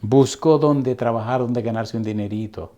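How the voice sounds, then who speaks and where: A middle-aged male pastor telling a story in a sermon, speaking slowly and deliberately with dramatic pauses. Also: mid-range voice, dark tone, dull audio.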